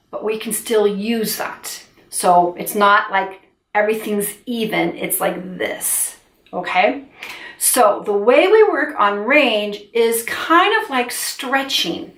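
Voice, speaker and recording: A middle-aged female vocal coach with a medium-pitched voice gives an instructional video lesson, warm and encouraging, gesturing with her hands as she explains. She's somewhat off-mic and distant in an echoey room, so the sound is roomy.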